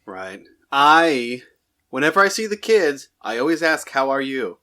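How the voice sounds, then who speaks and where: A man co-hosting a casual podcast who throws in quick, joking asides. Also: mid-range voice, sing-song, bright, forceful tone. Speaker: podcast co-host, teacher.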